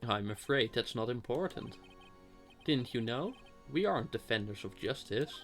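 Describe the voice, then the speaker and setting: A stern, composed prosecutor, played by a man reading game dialogue, speaks gravely and formally in a mid-pitched voice. Each phrase is measured and resolute, with faint music behind. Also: expressive, a bit bright. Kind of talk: amateur voice-acting of video game dialogue.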